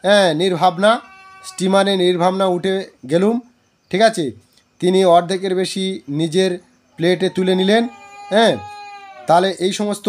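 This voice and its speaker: A man teaching a Bengali grammar lesson, patient and repetitive, often pausing to check that students understood. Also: high-pitched. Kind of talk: classroom lesson explaining grammar.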